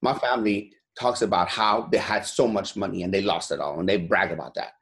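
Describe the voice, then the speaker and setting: In a low-sitting voice with a steady tone, brisk pace and fairly bright timbre, an Iranian man in his forties, a gym owner, gives motivational talk as an interview guest. He comes across blunt, profane and fired up, with "you know" repeated constantly.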